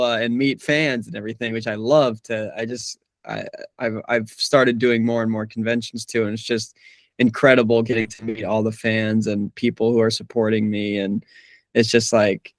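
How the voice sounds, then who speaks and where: A young adult man who voice-acts chats in a relaxed interview, medium-pitched, with frequent laughs, restarts and filler words. There's no echo in the recording.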